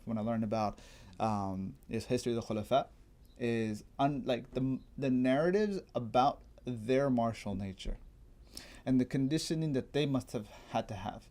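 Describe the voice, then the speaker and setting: A man's voice: mid-range voice, dark tone. A man hosting a casual chat, explaining things at length, laughing often and trailing off mid-sentence. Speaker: fitness trainer and host.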